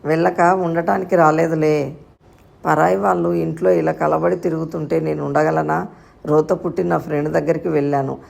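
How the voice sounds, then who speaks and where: A woman's voice: sits low, steady tone, moderate pace, creaky, a little mellow, exaggerated voice. A woman reading the part of a harsh, mocking young sister-in-law in a storybook tale. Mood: scornful. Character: sharp-tongued spiteful young sister-in-law.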